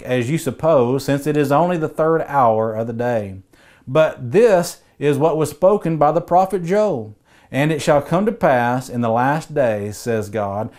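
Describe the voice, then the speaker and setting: A man in his forties delivers a scripted sermon, reading Bible verses in a measured, earnest way. His voice is medium in pitch with a darkish tone. The recording was made in an indoor study lined with bookshelves.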